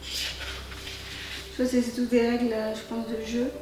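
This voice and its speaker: This unboxing host talks slowly in a monotone, her pitch a little high, as she casually shows off items with appreciation and frequent pauses to find the right word. Music plays behind her in a roomy, echoing space, and the background is noisy.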